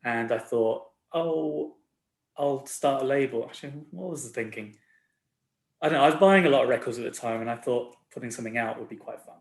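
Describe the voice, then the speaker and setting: Recorded with a roomy echo, this man in his forties runs a record label and is a guest in a casual chat. He speaks briskly at a medium pitch, rambling in a relaxed, self-deprecating manner.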